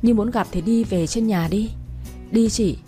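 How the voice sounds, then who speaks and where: A woman voicing a kindly woman friend who coaxes and insists gently. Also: medium pitch, measured pace, soft background music, close to an everyday voice. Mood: coaxing. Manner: coaxing, insistent.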